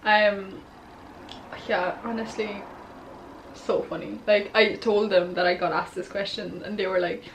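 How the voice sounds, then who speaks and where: A woman's voice: mid-range voice, little pitch movement, unhurried, slight background noise, poor audio. A young woman answering follower questions in a casual, candid, giggly and tipsy chat. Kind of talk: casual chatty Q&A to camera.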